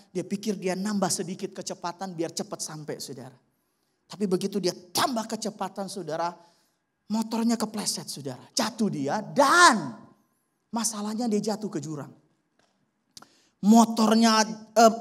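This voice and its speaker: Animated storytelling preacher. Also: medium pitch. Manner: animated storytelling, repeats "saudara" to address the congregation. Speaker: pastor. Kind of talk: sermon. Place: church service.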